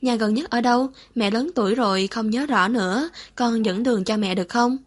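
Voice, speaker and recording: Lady reading doing a cruel curious young woman, fake-sweet coaxing but cold, kinda high voice. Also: fairly quick, close to an everyday voice.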